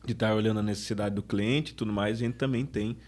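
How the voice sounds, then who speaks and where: A man's voice: on the low side, steady tone, fast, darkish tone. Chatty man. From Brazil. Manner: chatty, restarts sentences often, acts out customer quotes. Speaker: sales manager guest. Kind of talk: casual podcast interview.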